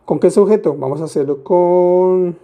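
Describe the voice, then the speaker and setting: In a muffled recording, a man with a high-sitting voice explains French grammar at normal speed. His approach is patient and step by step, with rhetorical questions to the listener and playful remarks along the way.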